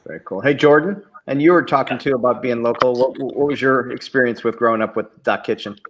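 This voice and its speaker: A man's voice: medium pitch, fast talker, rough recording. Upbeat male host, faint background noise. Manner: upbeat, asks questions. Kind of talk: casual chat.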